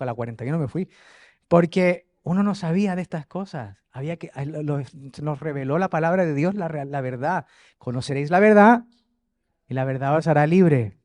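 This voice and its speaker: A man delivers a lively sermon to a congregation, jumping between hushed asides and loud calls to the crowd. His voice sits on the higher side for a man. The sound is close and dry. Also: no echo. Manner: animated, jokey, shifts from quiet asides to loud exhortation. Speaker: preacher. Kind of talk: lively Spanish-language sermon. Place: church in front of a congregation.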